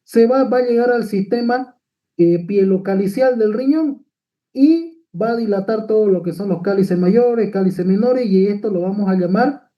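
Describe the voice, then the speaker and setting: A man's voice: high voice, moderate pace, muffled recording. A man giving a medical lecture over slides, explaining step by step with frequent tag questions and fillers.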